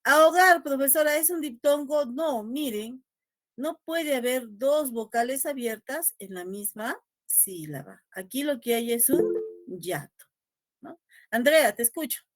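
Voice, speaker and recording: A woman's voice: high voice, expressive, unhurried, dry recording. Patient woman teacher with a dry close voice. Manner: checks in constantly with a rising tag question; patient, repeats key points. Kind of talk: online class lecture.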